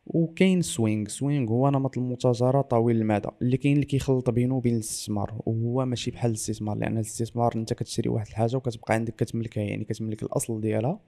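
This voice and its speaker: A man explains things in an interview with a Moroccan Arabic accent. He talks briskly in a mellow, relaxed tone, dropping French and English terms into his sentences. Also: medium pitch. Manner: mixes in French and English loanwords. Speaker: trader interviewed as guest.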